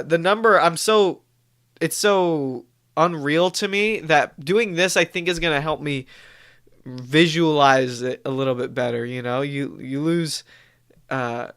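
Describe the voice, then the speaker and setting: A young adult man chats casually to viewers on a live stream, upbeat despite a cold that leaves him a little stuffy and coughing. His bright, smooth voice sits a bit high, and he rambles, often pausing to correct himself.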